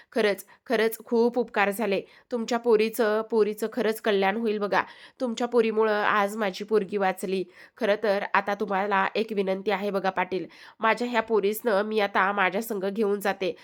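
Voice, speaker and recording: A woman's voice: mid-range voice, flat delivery, normal speed, lightly acted. A woman voicing a grateful, tearful village mother pleading with the headman in a retold serial.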